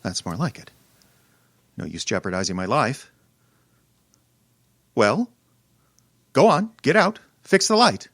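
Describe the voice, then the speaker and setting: In old-time radio horror style, an actor plays an irascible, domineering rich old man who blusters, sputters and stammers imperiously, then turns cowardly under threat, sounding alarmed and demanding. His mid-range, a-bit-bright voice swoops wildly in pitch; he speaks slowly with frequent pauses, heavily acted and with no room sound.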